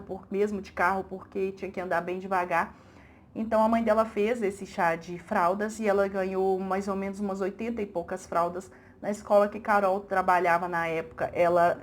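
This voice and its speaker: A Brazilian woman from her own channel, telling a testimony story and acting out the quoted voices with rising excitement. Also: mid-range voice. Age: middle-aged.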